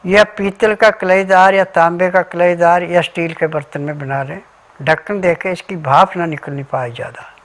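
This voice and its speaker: A man's voice: high-pitched, fairly even intonation, normal speed, a bit bright. A man giving an instructional health talk as a remedy advisor, methodically listing ingredients and diet rules step by step.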